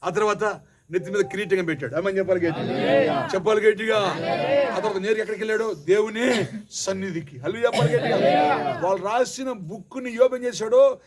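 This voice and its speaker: A man preaching, his voice sitting high for a man. He keeps calling for loud amens and repeating his lines. A loud congregation answers him throughout. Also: quick pace, a loud crowd. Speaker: pastor. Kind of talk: sermon. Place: church hall with congregation. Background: congregation responding.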